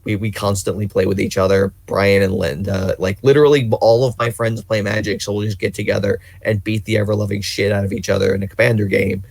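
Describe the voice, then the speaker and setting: A man's voice: on the low side, level tone, fairly quick, vocal fry, hardly any pauses, darkish tone, no echo. A man co-hosting a casual podcast, ranting and rambling with lots of swearing. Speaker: podcast co-host.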